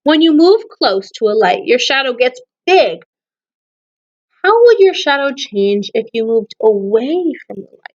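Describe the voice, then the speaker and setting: With a voice on the high side and very animated, a woman teacher reads children's poems a little slowly, explaining things and frequently asking questions of young listeners. The highs are cut off.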